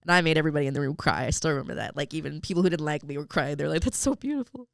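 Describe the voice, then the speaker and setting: A woman's voice: sits low, steady tone, very fast, creaky, clear, resonant tone, dry recording, clean studio sound. A young woman telling a heartfelt personal story as a podcast guest, with lots of "like" and fillers. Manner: emotional storytelling with many fillers. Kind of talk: personal faith story in an interview.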